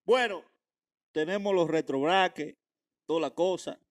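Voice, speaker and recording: High-voiced Dominican man interviewing. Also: unhurried. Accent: Dominican Spanish. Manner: probing, repeats questions incredulously. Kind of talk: casual interview. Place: small furnished room indoors. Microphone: handheld microphone.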